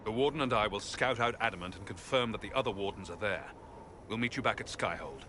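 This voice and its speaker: Grim cynical game warrior, low brooding voice, noisy ambience behind. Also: male voice, lively intonation, fast, sharp tone. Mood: resolute. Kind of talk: video game voice acting. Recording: clear background ambient noise.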